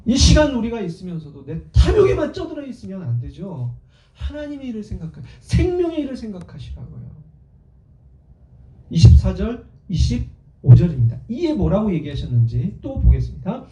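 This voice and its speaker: Male pastor, high lively voice, mellow tone, echoey church hall, sermon. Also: moderate pace. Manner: animated preaching, acts out quotes with shouts. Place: church sanctuary.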